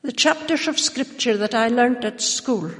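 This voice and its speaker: A woman giving a solemn personal testimony in short measured phrases, pausing for an interpreter. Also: on the high side, a bit bright. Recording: long reverb of a large hall.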